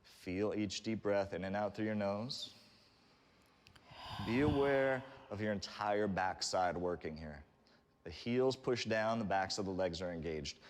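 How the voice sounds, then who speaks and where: A man giving calm, encouraging step-by-step instruction as he leads a guided stretching workout. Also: lowish voice, measured pace. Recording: reverberant room with long echo.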